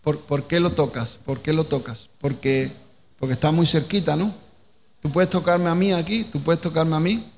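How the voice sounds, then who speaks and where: A man from preaches a sermon in a fairly high voice. He keeps asking the listeners direct questions and repeats his phrases. The sound carries a long hall reverb with a faint noise underneath. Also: moderate pace, creaky. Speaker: pastor.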